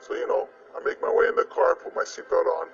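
Man with an electronically disguised voice. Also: quick pace. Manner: plain, matter-of-fact storytelling. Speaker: police officer. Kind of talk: recounting a personal ghost story in an interview. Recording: muffled lo-fi audio, distant mic, loud music bed.

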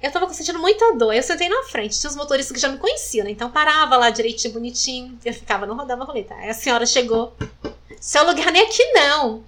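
Guest spot: woman, high voice, brisk animated storyteller. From Maranhão, Brazil. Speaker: interview guest. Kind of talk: personal story in conversation.

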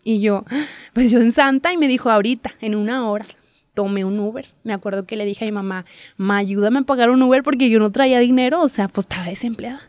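A young woman, telling her story as a guest in a casual interview, chatty and quick to laugh. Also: on the high side, a little mellow, no room sound. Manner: chatty storyteller, laughs often, acts out quotes. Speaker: guest, TV reporter.

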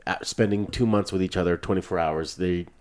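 A man's voice: low-pitched, fairly quick, darkish tone. A man co-hosting a podcast in casual chat, speaking in a blunt, matter-of-fact way. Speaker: podcast co-host.

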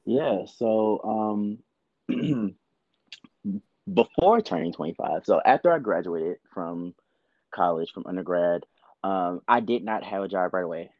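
A man's voice: sits low, expressive, unhurried, no echo, phone-quality sound. A man from the US South, a podcast guest talking candidly in a chatty, filler-heavy way. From Georgia, US South. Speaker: podcast guest, actor and producer. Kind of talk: casual interview talk.

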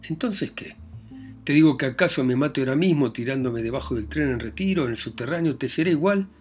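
A man's voice: mid-range voice, lively intonation, fairly quick, faint music behind, close to an everyday voice. A man reading the lines of a desperate young man who pleads and insists with the woman he loves.

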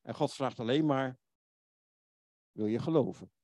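A man preaching a sermon, earnest and pleading, slowing and softening his voice for the quoted words of God. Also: medium pitch, no room sound.

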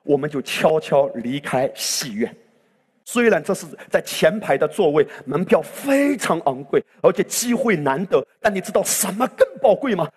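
A man's voice: high voice, husky. A male pastor preaching a sermon with impassioned delivery that swells into exclamations, recorded in a church hall. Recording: reverberant hall sound.

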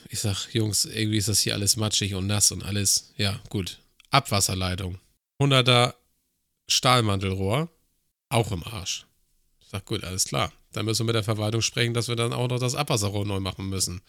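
A man's voice: on the low side, pushed and bright, no echo, clean studio sound. A man telling a long work story in casual podcast chat, with crude slang and acted-out dialogue. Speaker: podcast co-host.

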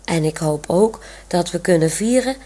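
A woman's voice: on the low side, animated, moderate pace, background noise, close to an everyday voice. Monique, a woman reading as a bubbly young woman. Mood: affectionate. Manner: giggly, teasing.

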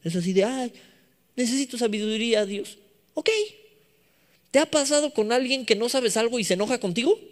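Animated Mexican youth preacher in an echoey hall. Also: male voice, extremely high pitch, a little fast. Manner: animated, playful slang mixed with scripture. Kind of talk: sermon. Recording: long echoing reverb of a hall.

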